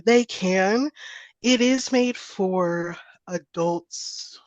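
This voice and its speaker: A woman's voice: medium pitch, extremely slow, a little mellow, dry recording, lo-fi sound. A woman poet chatting as a podcast guest over a video call, laughing often as she talks. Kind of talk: casual interview chat.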